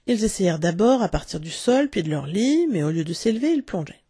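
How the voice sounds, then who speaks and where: A woman's voice: medium pitch, very animated, brisk, dark tone, husky, no echo, studio quality. A woman reading a children's story aloud, telling it expressively and acting out the characters. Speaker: narrator.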